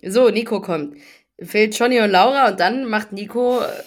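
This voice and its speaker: A young woman co-hosting a podcast, recapping a reality show in casual chat, talking briskly and laughing between points. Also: mid-range voice.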